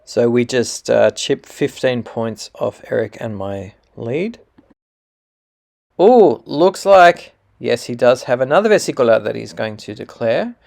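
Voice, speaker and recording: A man with a gravelly edge to his voice walks through a card game hand move by move. He explains patiently and talks in a casual way, pausing on fillers and correcting himself. His pitch sits in an ordinary middle range. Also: very animated, a little mellow.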